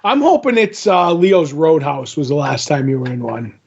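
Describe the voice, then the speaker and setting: Fiftysomething guy on a podcast, pretty high voice, rambles through a story, kinda muffled lo-fi sound. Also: normal speed, creaky, a little mellow, slightly rough. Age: 50s. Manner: rambling storyteller, acts out quoted exchanges, laughs easily. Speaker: podcast co-host. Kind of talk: casual chat.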